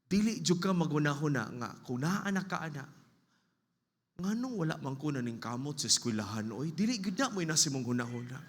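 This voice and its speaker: A man with a Filipino accent preaching a sermon as pastor, slow and emphatic, in a church hall. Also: a little high, animated, slightly rough. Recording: long reverb of a church hall.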